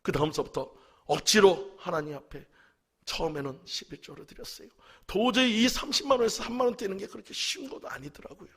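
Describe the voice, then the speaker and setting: A man preaching as a pastor, telling a personal testimony and swinging from hushed whispers to crying shouts. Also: fairly high pitch, creaky, husky. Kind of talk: emotional testimony sermon.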